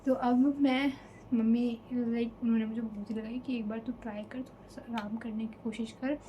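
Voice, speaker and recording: A woman's voice: a little high, steady tone, moderate pace, dull audio, slight background noise. A young woman from Delhi telling an emotional storytime vlog in a casual chatty way, slipping in English fillers. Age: young adult. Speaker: vlogger.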